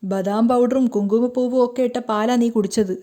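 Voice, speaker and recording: A woman voicing a sharp-tongued middle-aged mother scolding her drunk son. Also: fairly high pitch, steady tone, normal speed, close to an everyday voice.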